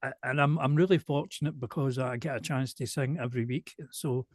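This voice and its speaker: A man from Glasgow with a softened Glaswegian accent, speaking slowly and precisely in a casual interview. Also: medium pitch, steady tone, no echo. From Glasgow, Scotland. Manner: slow, careful, deliberate delivery with restarts. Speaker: show presenter and singer, interviewee.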